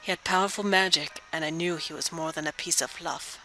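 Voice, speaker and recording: A woman's voice: sits low, steady tone, bright, forceful tone, soft background music, rough recording. Woman playing a solemn old male frog sage. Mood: grave, patient. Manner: measured, formal, sage-like phrasing with tag questions. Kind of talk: video game dialogue read aloud.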